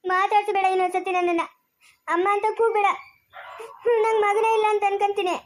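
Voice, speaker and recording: A furious mother tears into her young son in a family drama, played by a woman. She speaks with a rural Chikkaballapur Kannada accent in a very high voice. Her words come fast, and she fires the same questions at him again and again. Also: fairly even intonation. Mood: angry scolding. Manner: scolding, repeats her questions over and over. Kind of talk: amateur family drama acting.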